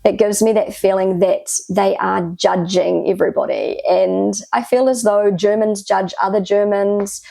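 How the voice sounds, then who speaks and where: With a steady, dark-toned, medium-pitched voice carrying vocal fry, a New Zealand woman vlogs at a measured pace with hardly any pauses. A native English speaker with a New Zealand accent, she talks earnestly to camera, sprinkling in reflective "you know" asides. No echo.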